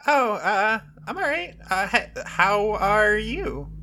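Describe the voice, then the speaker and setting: A woman's voice: mid-range voice, big pitch swings, slow pace, bright, forceful tone, exaggerated voice. A woman voicing a laid-back young woman fighter who shrugs off her bruises. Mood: offhand.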